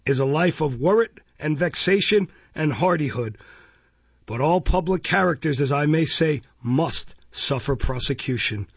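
A man's voice: fairly high pitch, animated, a little slow, slightly rough, no room sound, exaggerated voice. Man voicing a self-important stately beadle, dry dull recording. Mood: pompous. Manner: pompous, stately. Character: pompous self-important male parish beadle.

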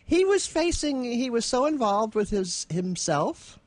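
A woman co-hosts a radio show, chatting casually and reading literary prose aloud, often chuckling as she tells anecdotes. Her voice is a little high and sing-song with a darkish tone, unhurried, and recorded with no echo.

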